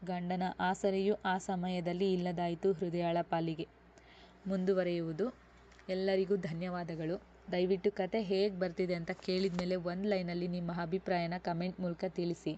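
A woman storyteller reading a serialized novel aloud in a steady, measured way, on a dull lo-fi recording. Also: lowish voice, a little hiss or hum.

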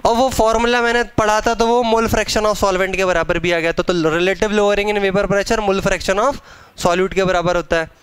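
In a dry recording, a young chemistry teacher lectures live to his students with a high, smooth voice that is a bit bright and fairly even in intonation. He keeps it casual, teasing the class and stretching out the terms he wants to stress.

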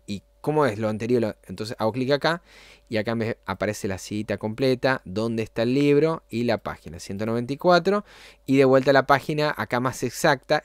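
A man's voice: medium pitch, clean tone, no room sound. A man talks through a program on screen in an easygoing tutorial. He keeps checking that the listener is following along. His voice sits in an ordinary middle range, recorded dry and close. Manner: explanatory, often checks in with a quick "¿sí?". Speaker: channel host giving a software tutorial.

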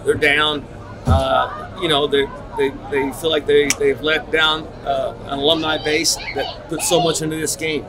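A middle-aged man, a head football coach at a postgame press conference, talking in halting, restarting sentences with many repeats. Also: fairly high pitch, little pitch movement. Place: concrete-walled stadium corridor. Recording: crowd chatter behind. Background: crowd noise.

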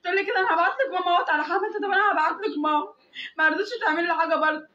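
A woman's voice: very high-pitched, very fast, sharp tone. A young woman with an Egyptian accent recounting an assault in distress, crying and pleading, swearing oaths as she speaks. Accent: Egyptian Arabic. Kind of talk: tearful testimony. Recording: echoey, muffled sound.

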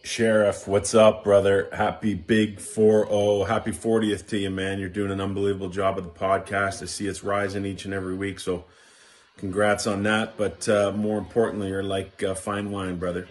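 Very deep, flat-voiced man. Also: normal speed. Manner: laid-back, complimentary. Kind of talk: casual recorded birthday greeting.

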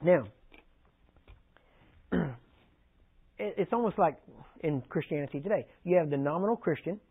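Preacher on a tinny line. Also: male voice, a little high, a little slow, slightly rough. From Texas. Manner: conversational, asks the audience frequent check-in questions. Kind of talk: sermon teaching. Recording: tinny phone-like archive recording.

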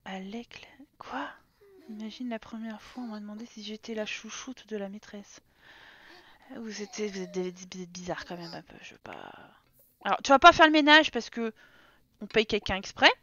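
Bright, chatty French-speaking woman streamer. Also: medium pitch, moderate pace, highs cut off. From France. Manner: chatty and teasing, reads chat aloud. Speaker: streamer playing a life sim. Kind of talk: casual live-stream commentary.

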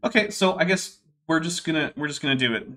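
A young male livestream host chats from home with wry humor, reading viewer super chats aloud. His voice is on the high side, pushed and bright, and he talks fast with lively intonation.

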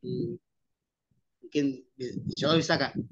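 A man's voice: a little high, wildly swooping pitch, moderate pace, vocal fry, fairly bright tone, husky, dry recording. Hesitant young man on a dull line. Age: young adult. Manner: hesitant, with many fillers. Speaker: trainee. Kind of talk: practice speech in training.

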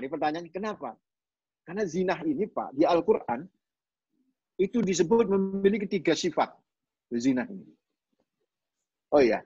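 East javanese guy teaching hadith, kinda husky, chatty and repeats stuff, dull dry recording. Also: a little high, a little mellow, dry recording. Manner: conversational, repeats key phrases, often addresses listeners as "Pak". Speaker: religious teacher. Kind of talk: hadith study lecture.

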